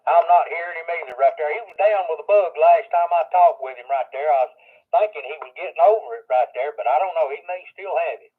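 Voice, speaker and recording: A man's voice: a little high, fast talker. A man checking into a ham radio net, heard as a radio transmission with static, plainspoken and folksy. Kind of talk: casual ham radio chat. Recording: tinny narrow radio signal.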